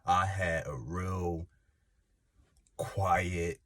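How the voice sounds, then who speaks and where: A young male vlogger with a low, slightly bright voice and a slight lisp draws out his words in a dry recording. He rambles through a casual personal story to camera, full of fillers and restarts.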